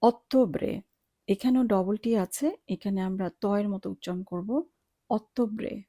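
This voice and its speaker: A woman's voice: mid-range voice, normal speed, dark tone, no room sound, clean studio sound. A woman with a Bengali accent teaching a language lesson, saying each word twice and spelling out its letters. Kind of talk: slow scripted language lesson.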